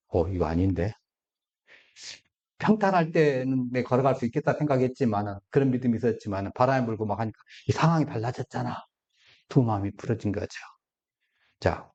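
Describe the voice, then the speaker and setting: A man's voice: medium pitch, lively intonation, fast, a little mellow, lo-fi sound. A man preaching a conversational sermon as a pastor, often acting out short quoted lines in shifting tones.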